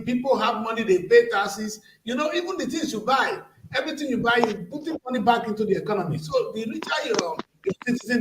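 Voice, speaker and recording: A man's voice: very high-pitched, background noise. A man hosting an informal panel discussion, recorded in an echoey room at some distance from the microphone. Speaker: panel host. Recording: roomy echo, far from microphone.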